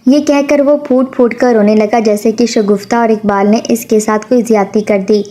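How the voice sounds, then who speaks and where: A woman narrating a sad family story in a steady, emotional storytelling manner. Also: a little high.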